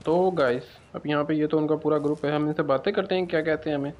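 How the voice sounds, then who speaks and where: A man's voice: on the high side, fast, dull audio, a little hiss or hum. A young man giving casual, joking gameplay commentary and chatting to his viewers. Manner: joking, excitable, talks to viewers. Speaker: gaming channel host.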